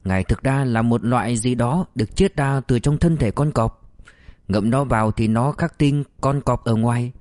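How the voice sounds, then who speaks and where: A man voicing a smooth-talking young man who tells a folk tale in a confiding way, pausing for effect. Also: mid-range voice, a little mellow, no echo, lightly acted.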